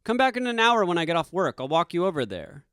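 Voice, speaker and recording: A man's voice: sits high, big pitch swings, fast, fairly bright tone, clear, resonant tone, no room sound, clean studio sound. A man voicing a friendly, easygoing young woman working at a coffee shop. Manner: casual, welcoming.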